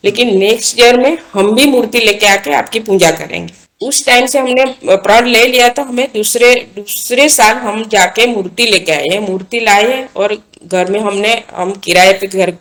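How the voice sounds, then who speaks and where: A woman's voice: a little high, normal speed, a bit bright. A woman guest telling a personal devotional story in an earnest, casual way, often repeating and restarting her phrases as she goes. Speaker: guest recounting a devotional experience.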